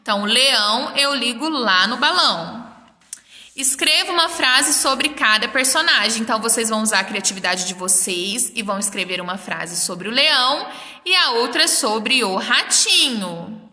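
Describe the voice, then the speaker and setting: A woman's voice: on the high side, expressive, normal speed, pushed and bright. A woman teaching a primary school class remotely, speaking in Brazilian Portuguese, patiently sounding out and counting words for young children. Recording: roomy echo, mic at a distance.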